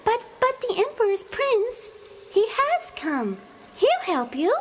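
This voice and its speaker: A woman voicing an earnest, tender young girl with wide-eyed, expressive storytelling in a children's audio drama. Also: very high-pitched, slow, a little hiss or hum, full character voice. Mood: earnest, worried.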